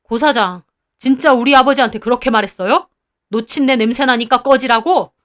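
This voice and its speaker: A firm, reproachful middle-aged landlord, put on by a woman narrator, defending his father. He speaks in a high, clear voice. It is a storybook reading. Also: brisk, fairly bright tone, lightly acted.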